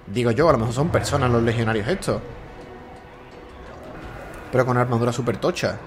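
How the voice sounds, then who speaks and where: A man comments casually on a video game, hoarse from a cold. He jokes, swears and taunts enemies, with game music and gunfire loud behind him. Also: mid-range voice, fairly quick. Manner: joking, swearing, talks to enemies. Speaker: gameplay commentator.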